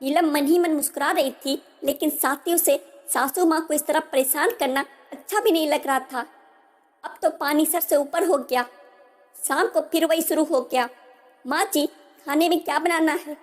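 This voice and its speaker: A woman narrating a family story in an even, measured storytelling manner. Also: sits high. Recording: long hall reverb.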